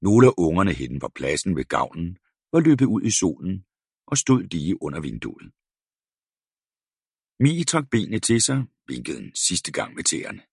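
Man, audiobook narrator, deep voice, husky, calm measured reading, dry close studio sound. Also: no room sound.

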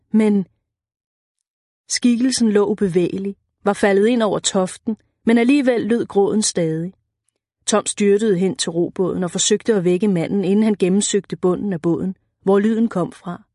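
A woman narrating an audiobook in a measured, even reading. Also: medium pitch, no room sound, clean studio sound.

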